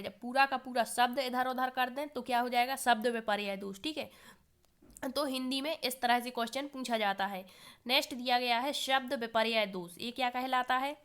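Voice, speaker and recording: A woman's voice: on the high side, a bit bright, clean tone. A woman teaching an exam-prep lesson who keeps putting questions to the learners and then answering them herself, with a cough now and then.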